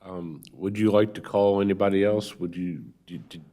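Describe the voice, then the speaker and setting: A man with a low voice chairs a public meeting. He reads out formal procedure and drops into informal asides as he calls on people. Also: steady tone, normal speed, dark tone. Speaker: board chair.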